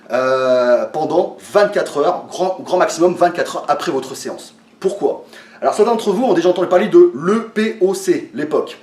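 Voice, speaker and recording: A man explaining a training method to his viewers in a casual way, with lots of fillers and restarts, a little tired. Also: a little high. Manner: hesitant, many fillers and restarts, addresses viewers as friends. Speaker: fitness coach. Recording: echoey room, from a distance.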